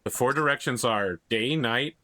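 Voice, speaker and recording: A man acts as game master, narrating a tabletop role-playing game. His voice is very bright and medium in pitch, with a very dry, close sound. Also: moderate pace, no room sound.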